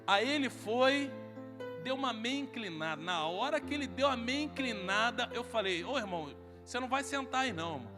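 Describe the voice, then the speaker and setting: A man's voice: very high-pitched, animated, brisk. A man with a Brazilian Portuguese accent preaching at a men's congress, telling a funny story and acting out every line of dialogue. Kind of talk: humorous sermon storytelling. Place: large hall at a men's congress. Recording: reverberant hall with faint music.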